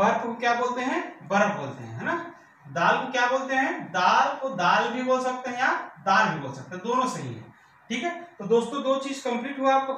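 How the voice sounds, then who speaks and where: A male teacher giving an exam-prep vocabulary lesson, repeating each word with a question and often asking if it is clear. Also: very high voice, pushed and bright. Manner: repeats words with rhetorical questions, checks "clear?". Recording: very echoey room, voice from far off.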